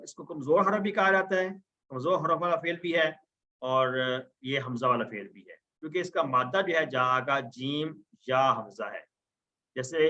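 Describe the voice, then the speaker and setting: A man teaching a recorded Arabic grammar lesson, chanting verb forms slowly and then explaining them. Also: mid-range voice, bright, forceful tone, lo-fi sound.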